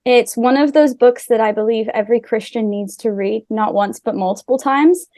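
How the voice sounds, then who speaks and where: A woman with an American accent, who spent early childhood in Wales before growing up in America, speaks earnestly as a podcast guest in Israel, with small restarts. Her fairly high voice has a dark tone and moderate pace. The recording is studio quality with no room sound.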